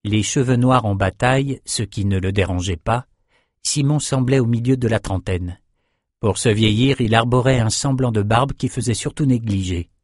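A man reading a fantasy novel aloud in a steady, even narration. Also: mid-range voice, normal speed, no echo, clean studio sound. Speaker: audiobook reader. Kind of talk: scripted narration.

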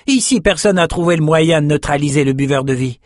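A man's voice: fairly high pitch, fairly quick, darkish tone, no echo, clean studio sound, pitched above the performer's own voice, lightly acted. A male reader voicing a sturdy, blunt middle-aged village matron who speaks emphatically. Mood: insistent.

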